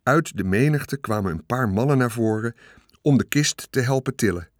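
A man reads a children's book aloud in a calm, measured way. His voice sits at a middle pitch. The recording is dry and close to the mic. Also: no room sound. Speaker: audiobook narrator. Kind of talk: scripted narration.

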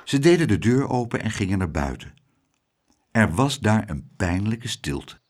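Expressive male storybook narrator. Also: lowish voice, unhurried, a little hiss or hum. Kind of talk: audiobook reading of a children's story.

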